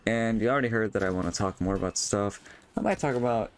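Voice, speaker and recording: A man's voice: on the low side, fast talker. A young man vlogging in a casual, rambling way, full of fillers and restarts, with a voice he says feels strained. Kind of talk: casual monologue over gameplay.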